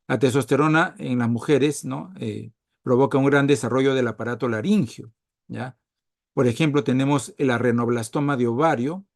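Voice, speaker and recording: A man lecturing on medicine at a mid pitch, his voice close and dry with almost no room sound. He keeps checking on his listeners with tag questions and leans hard on key terms. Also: no echo. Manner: frequent tag questions, animated emphasis.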